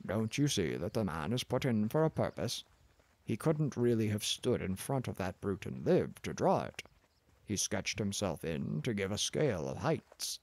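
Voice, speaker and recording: This audiobook character voice has a man lecturing as a contemptuous, self-important old professor who blusters condescendingly. The pitch is lowish and swings widely, the tone darkish, the speed normal, and there's no echo.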